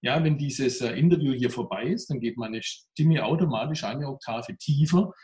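A man's voice: mid-range voice, normal speed, dark tone. A man, a coach and workshop speaker, answering interview questions reflectively, his voice pressed and tense. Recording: roomy echo.

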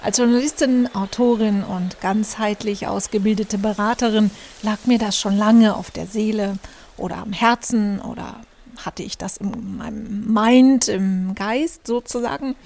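This is a reflective monologue from a German journalist and author hosting her podcast, with many fillers and restarts along the way. Her medium-pitched voice is steady, unhurried and somewhat dark.

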